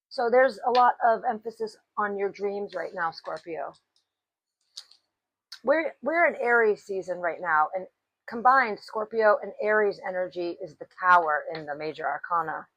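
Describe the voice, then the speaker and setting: A woman giving a tarot reading, speaking slowly and deliberately and clearing her throat now and then. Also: medium pitch, rough recording. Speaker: tarot reader.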